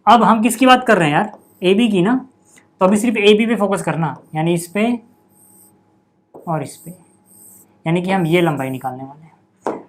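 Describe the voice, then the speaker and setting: A man's voice: sits high, slight background noise. A man teaching a maths lesson at a board, chatty, often checking in with his students. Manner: chatty, repeats 'theek hai' and 'yaar' to students.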